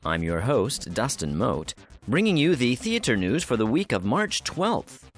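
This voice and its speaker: A man's voice: mid-range voice, very animated, a little slow, heavy background noise. A man hosting a theater news podcast, reading the week's items in an upbeat, promotional way and often saying "of course.". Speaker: podcast host.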